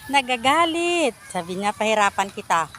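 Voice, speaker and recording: High-voiced woman coaxing her dogs. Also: very animated, normal speed, a bit bright. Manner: coaxing baby talk to dogs, mixing Tagalog and English. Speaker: vlogger and dog trainer. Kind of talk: casual chat with dogs outdoors. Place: park outdoors. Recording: outdoor noise behind.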